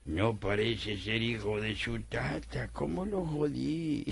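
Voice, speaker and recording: An actor playing a sly old village prankster in a radio drama, with a gravelly, cackling voice. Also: male voice, medium pitch, takes it slowly, slight background noise. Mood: gloating. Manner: sly, urging, laughs at his own tricks. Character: old scheming prankster man, village joker.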